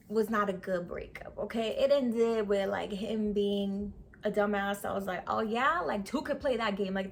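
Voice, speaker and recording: A twenty-something beauty vlogger tells a casual storytime in a chatty, sassy, slang-heavy way, constantly saying "sis" and "okay." Her voice is medium-pitched and creaky, with slight background noise.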